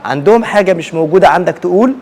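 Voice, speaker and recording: A woman's voice: fairly low pitch, lively intonation, racing, a little mellow. A woman with an Egyptian accent teaching a class of children in call-and-response, asking questions and repeating their answers back.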